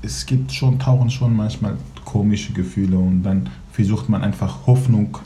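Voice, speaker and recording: A thirty-year-old man from Syria, a native Kurdish speaker, telling his story at length as an interview guest in an earnest, fast-talking way. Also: fairly low pitch, fairly even intonation, warm tone, a little hiss or hum. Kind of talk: conversational storytelling.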